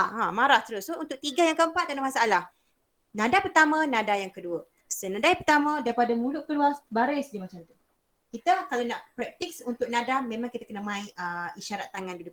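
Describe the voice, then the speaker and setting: Bright-voiced Malaysian woman teaching tones. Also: a little high. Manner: explains slowly with repeated demonstrations of tones. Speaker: Mandarin teacher. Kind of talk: online language lesson.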